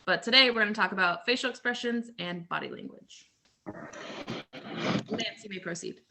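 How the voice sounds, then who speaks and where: Heavy background noise surrounds a woman of medium pitch speaking at normal speed. She's casually leading a group lesson over video call, explaining through everyday examples and using "so" and "like" a lot.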